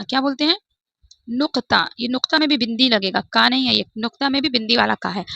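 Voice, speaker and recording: Woman teacher for a patient pronunciation lesson; bright, gravelly tone, asks questions and answers them herself. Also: on the high side, dry recording. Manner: explains slowly, repeats example words, asks and answers herself.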